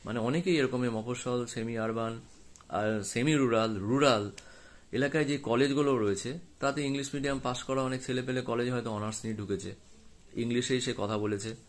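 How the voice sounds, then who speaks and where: A man, a film director, explaining his choices to the camera in an unscripted way, with many pauses and hesitant fillers. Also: medium pitch.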